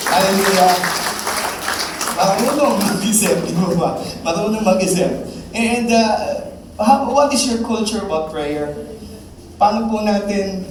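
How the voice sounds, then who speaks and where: A man preaching a Sunday sermon, asking the congregation questions and acting out prayers in a high excited voice. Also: a little hiss or hum. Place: church sanctuary. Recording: echoey church from far off.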